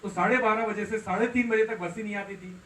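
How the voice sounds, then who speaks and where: High-voiced male motivational speaker. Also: steady tone, brisk, a little hiss or hum. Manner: storytelling, swings from loud to hushed. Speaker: network marketing speaker. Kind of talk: motivational seminar talk. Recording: roomy hall, speaker far from mic.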